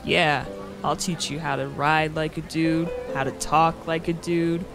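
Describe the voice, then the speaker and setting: Man playing creaky-voiced, flirty Jack Dawson. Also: a little high, flat delivery, unhurried, over music. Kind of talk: comedy skit acting.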